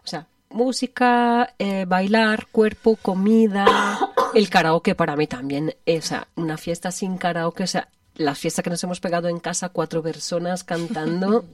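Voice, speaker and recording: A woman leading a casual conversation, talking in a lively, animated way and putting questions to the others. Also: lowish voice, unhurried, no echo, studio quality. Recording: voice from a distance off the mic.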